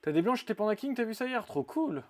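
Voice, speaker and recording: A man's voice: high-pitched, very animated, fast talker. A man on a live stream reading out viewers' comments and chatting back casually. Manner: chatty, reading comments aloud and answering them.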